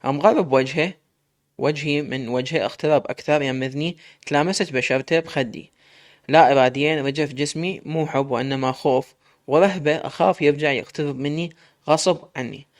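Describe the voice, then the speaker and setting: A man with an Iraqi accent narrates a first-person story in a steady, plain reading voice. His pitch sits slightly high for a man. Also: brisk. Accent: Iraqi Arabic.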